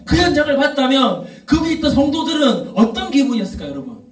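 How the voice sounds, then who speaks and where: A youth pastor in his thirties gives an animated sermon. His voice sits very high for a man. He sounds a little far from the mic in a roomy, echoing church hall. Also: fast talker. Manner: storytelling, rising to emphatic repeated questions. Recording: echoey room, voice from off mic.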